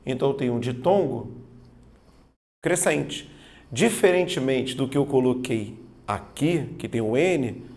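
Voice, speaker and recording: This Portuguese teacher has a mid-range, gravelly, slightly mellow voice as he patiently explains grammar for an exam. He checks often that students follow, saying "tá vendo?" and "certo?", and leans on stressed spoken examples.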